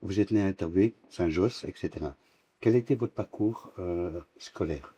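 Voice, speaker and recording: Man, podcast host, formal, low pitch, warm dark tone. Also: normal speed, breathy edge. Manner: formal, welcoming. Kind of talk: interview hosting.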